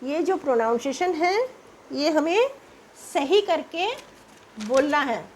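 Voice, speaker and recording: A woman's voice: sits high, animated, slow pace, a little hiss or hum. A woman teaching English pronunciation, spelling words out letter by letter and asking the class questions. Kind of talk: slow spelling-out lesson.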